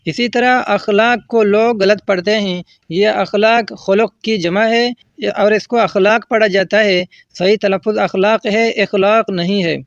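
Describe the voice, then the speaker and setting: A man's voice: sits high, steady tone, gravelly, no room sound. A man teaching correct word pronunciation, patiently and methodically, repeating each word with a short gloss. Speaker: Urdu language teacher. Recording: dull, slightly lo-fi dry recording.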